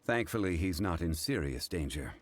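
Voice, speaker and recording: Zhongli, a deep, calm, dignified elder. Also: male voice, noisy background. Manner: composed, measured, formal. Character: calm, ancient, dignified man. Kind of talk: game voice acting. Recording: game soundtrack behind.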